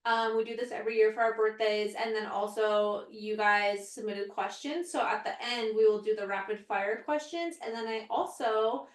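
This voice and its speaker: A woman's voice: medium pitch, moderate pace, hardly any pauses, far from the mic. Roomy-sounding woman host, chatty and giggly. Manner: chatty, laughs often, swears casually. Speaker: podcast host asking questions. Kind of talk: casual chat. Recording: roomy echo, voice set back from the mic.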